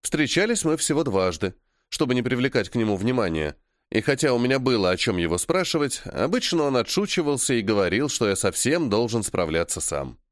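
A man reading a first-person fantasy audiobook in a measured, matter-of-fact way. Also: medium pitch, very animated, no echo, clean studio sound. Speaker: audiobook narrator.

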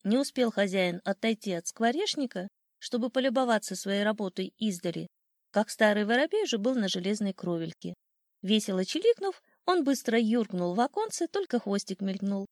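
A woman narrating a classic children's story in an expressive, lilting reading. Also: mid-range voice, moderate pace, dry recording, studio quality.

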